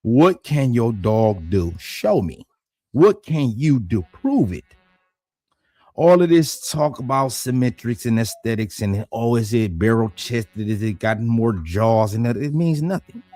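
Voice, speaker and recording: A man's voice: very animated, measured pace, dark tone, dry recording. Fired-up guy ranting to camera, keeps asking "you serious?" type questions, dry room, faint music underneath. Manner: blunt, combative, repeats rhetorical questions; voice rises high when worked up. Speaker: dog breeder and channel host. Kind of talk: heated casual monologue.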